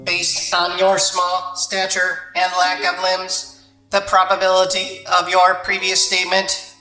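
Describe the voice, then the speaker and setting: A woman voicing a literal-minded robot assistant who speaks in a flat, precise, pedantic way. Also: on the low side, measured pace. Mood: deadpan. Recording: roomy sound with music underneath.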